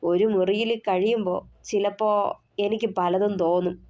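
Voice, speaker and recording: Voicing a stern young husband in an audio novel, a woman reader uses a warm, mellow tone as he goes from scolding to pleading, gruff yet caring throughout. Her pitch is medium with fairly even intonation and a moderate pace, close to her everyday voice.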